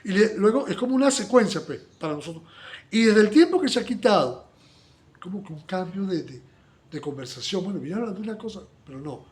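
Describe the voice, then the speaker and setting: A man preaches a Bible study in a high voice. His pitch leaps all over the place, and he acts out little dialogues, swinging from loud exclamations to quiet asides. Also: animated, fairly quick.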